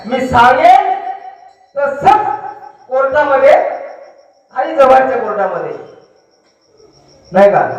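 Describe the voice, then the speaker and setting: A man from Maharashtra preaching a devotional kirtan sermon, telling a lively story and acting out its characters. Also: extremely high pitch. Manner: animated storyteller, acts out characters. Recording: very echoey, distant, dull PA sound.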